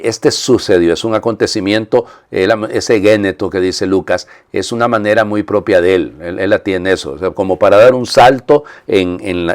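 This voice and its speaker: A priest preaching a homily in a low, deep voice. He explains things conversationally, pausing on fillers and checking in with his listeners, and he lifts his voice to stress key words. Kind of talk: weekday homily.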